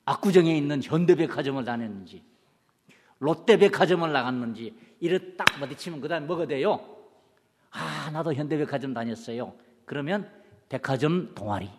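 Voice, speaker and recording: A man's voice: fairly high pitch, breathy edge, long reverb tail. A man preaching a sermon. He asks the congregation rhetorical questions, answers them himself, and acts out little everyday dialogues. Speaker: pastor.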